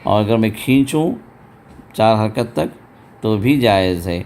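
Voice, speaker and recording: Male recitation teacher, low pitch, patient step-by-step explainer who chants the examples slowly. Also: a little mellow. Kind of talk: tajweed lesson with recited examples.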